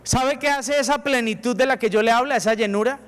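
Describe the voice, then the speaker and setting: A man's voice: very high voice, brisk, a bit bright, clean tone. A man with a Colombian accent preaching a sermon as pastor, emphatic and acting out prayers to God. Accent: Colombian Spanish. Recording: reverberant hall.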